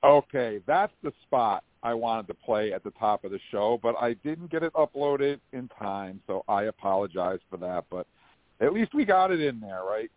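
A man's voice: medium pitch, lively intonation, moderate pace, dry recording. An American man hosting a live call-in fan podcast with a folksy showman's way of presenting. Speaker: podcast host. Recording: dry, narrow phone-like podcast audio.

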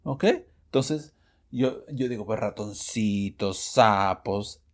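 A man teaching English phrases in a Spanish-language lesson podcast, lively and self-correcting, reading the example sentences slowly. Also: on the low side. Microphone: studio microphone, audio only.

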